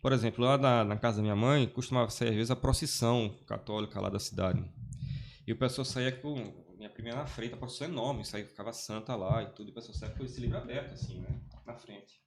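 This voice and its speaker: A man speaks as a guest in an easygoing chat. His voice has a gravelly, creaky edge at a middle pitch. He tells his story in a rambling way, often breaking off and restarting his sentences. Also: quick pace. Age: 40s. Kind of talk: casual testimony chat.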